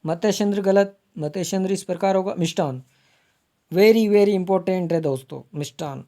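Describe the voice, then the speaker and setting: A man teaching Hindi grammar for exams, repeating each word slowly to spell it out and calling viewers his friends. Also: high voice, warm tone. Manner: slow, repeats words to spell them out. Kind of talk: exam-prep lesson.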